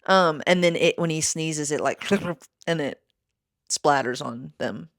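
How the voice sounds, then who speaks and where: A breathless woman rants through a casual comedy podcast, rambling and swearing between gasps. Her voice sits a little low. The sound is dry and close, taken on a handheld mic in a makeshift hotel-room studio. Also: slow, no room sound. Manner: rambling, profane, ranting with laughs. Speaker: podcast co-host.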